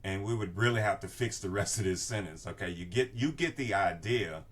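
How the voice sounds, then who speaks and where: Older guy teacher w low voice, walking thru a screen tutorial, casual explaining. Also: a little fast, husky. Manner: explanatory, often checking with "okay?" and "right?". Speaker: research class instructor. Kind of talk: informal screen-share tutorial. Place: indoor room with bookshelves, video inset.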